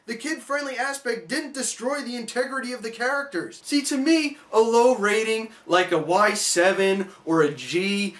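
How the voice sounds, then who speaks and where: A man reviewing a cartoon in a sarcastic, exasperated comedic rant that swings into shouting. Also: high voice.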